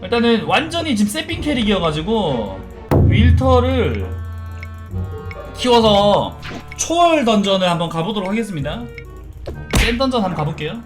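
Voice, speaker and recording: A man from South Korea talking through a sponsored mobile game playthrough, chatty and breaking into excited shouts as battles heat up. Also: sits high, moderate pace, long pauses, music in the background. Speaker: game streamer.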